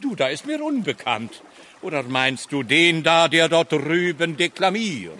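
An actor playing a castaway hermit poet and former thespian, declaiming grandly like a hammy stage actor in a comic audio drama. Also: male voice, a little high, very animated, a little slow, pushed and bright, full character voice.

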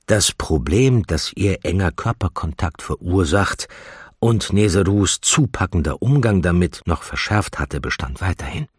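A man narrating a fantasy audiobook in a measured, steady storytelling manner. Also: low voice, husky, no echo, clean studio sound. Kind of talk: scripted narration.

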